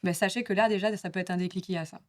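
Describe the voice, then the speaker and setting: A woman's voice: on the low side, steady tone, rapid-fire. A woman speaking on a panel at a business talk, explaining her points casually with many fillers to a live audience. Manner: chatty, many fillers, laughs at herself.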